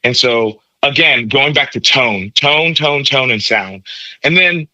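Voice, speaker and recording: A man's voice: medium pitch, slow, pushed and bright, dry recording, low-quality recording. A man who plays trumpet, explaining jazz tone and technique in a teacherly way on a podcast. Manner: explanatory, teacherly, repeats words for emphasis. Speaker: trumpet player guest. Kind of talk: podcast interview, explaining music.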